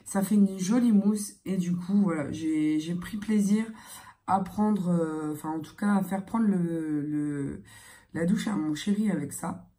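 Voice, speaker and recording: A young woman chatting casually in a beauty vlog, halting and hesitant, her voice thick, congested and strained from tonsillitis and a sore throat. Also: on the low side, mellow. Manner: hesitant, halting, searching for words. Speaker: beauty vlogger.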